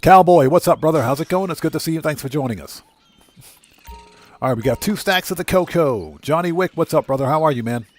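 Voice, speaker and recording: A man's voice: on the high side, lively intonation, brisk, faint music behind. A man hosting a live game stream, chatting casually with viewers and repeating himself for emphasis, over game noise.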